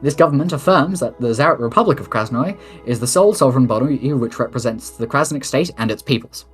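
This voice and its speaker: Soft background music plays under a fast, expressive, mid-range voice. The speaker, head of government of an online role-play nation, takes submitted questions in a mock-formal political address, pairing official statements with casual asides.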